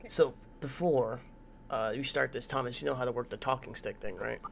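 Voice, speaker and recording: Low-energy, sick-sounding man with creaky voice. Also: brisk, a bit bright, a little hiss or hum. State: sick with a headache. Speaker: podcast host. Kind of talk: casual group podcast chat.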